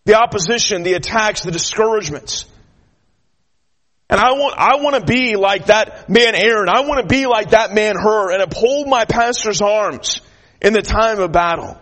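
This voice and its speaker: A man with a high-pitched voice delivers a sermon. He talks earnestly, restarts phrases often, and rises into emphatic declarations about prayer and battle. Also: fairly bright tone. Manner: shy by nature. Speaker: traveling preacher.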